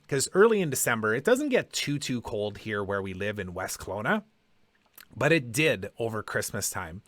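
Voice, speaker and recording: A man's voice: medium pitch, a bit bright, no echo. A man hosting a podcast, telling personal stories in a casual, conversational way and acting out quoted dialogue. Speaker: podcast host.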